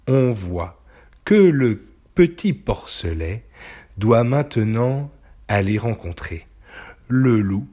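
A man reading a children's story aloud, expressive and animated. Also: mid-range voice, slow pace, long pauses.

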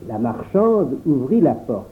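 A man narrating a storybook in a measured, expressive reading. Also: medium pitch. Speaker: audiobook narrator. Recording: tinny phone-like line with faint hiss.

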